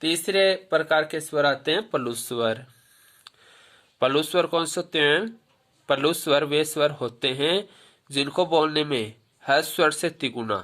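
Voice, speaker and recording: Teacher, male, bright forceful delivery; poses questions and answers them, repeats points for pupils. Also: on the high side. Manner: asks a question, then answers it himself; repeats key points; tells pupils to remember. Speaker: Hindi grammar teacher. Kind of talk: classroom lesson with questions to pupils.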